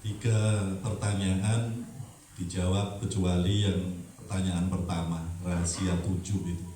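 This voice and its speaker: A man's voice: sits low, flat delivery, measured pace, dark tone. A man moderating questions at a religious talk, speaking hesitantly. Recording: echoey hall, voice from a distance, faint background hum.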